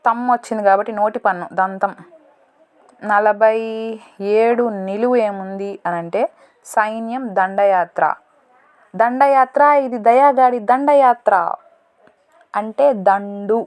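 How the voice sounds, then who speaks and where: A woman solving a word puzzle in a casual lesson, thinking aloud, slow and deliberate, correcting herself as she goes. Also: medium pitch, steady tone. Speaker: teacher solving a crossword.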